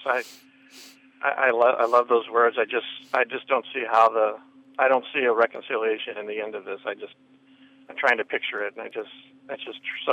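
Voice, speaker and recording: Halting male caller on a tinny phone line. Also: fairly low pitch. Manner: halting, troubled, repeating himself. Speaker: caller to a radio show. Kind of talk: hesitant conversational call.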